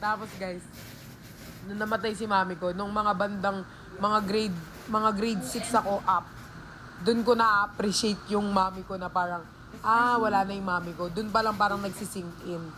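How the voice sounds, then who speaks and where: A woman's voice: medium pitch, fairly even intonation, normal speed, noisy background. A woman telling a rambling story on a casual livestream, talking into a phone and calling her viewers guys and be.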